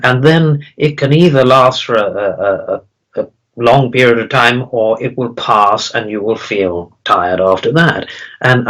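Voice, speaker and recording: A man speaking as a calm spirit guide in a seance medium's channeling session, teaching solemnly in halting, repeated phrases. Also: mid-range voice, poor audio. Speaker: trance channeler answering questions as a spirit guide.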